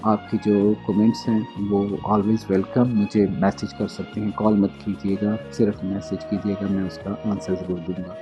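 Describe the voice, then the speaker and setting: Slow, patient male language teacher. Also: on the low side, husky, lo-fi sound. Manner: slow, patient, repeats drills rhythmically. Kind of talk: online language lecture.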